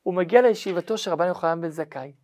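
A man, a rabbi, telling a religious story in a lively, dramatic way, often checking that listeners follow. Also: sits high. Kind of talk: storytelling lesson.

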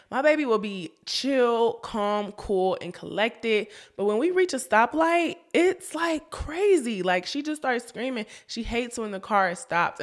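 A woman's voice: medium pitch, fairly bright tone. A young woman hosting a casual podcast for moms, chatty, often laughing and calling her listeners y'all. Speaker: podcast host.

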